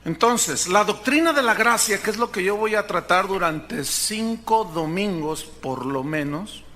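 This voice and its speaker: Male preacher, high and ringing voice, emphatic sermon delivery. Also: lively intonation, a little slow, pushed and bright, slight background noise. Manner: emphatic, rhetorical questions to the congregation. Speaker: pastor.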